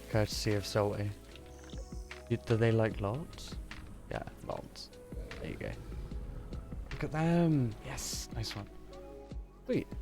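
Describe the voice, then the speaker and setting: A man with a lowish voice, chatting loosely and swearing as he plays. He rambles and loses his train of thought, with game music running clearly underneath. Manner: rambling, sweary, easily distracted. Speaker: streamer. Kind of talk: casual gameplay commentary.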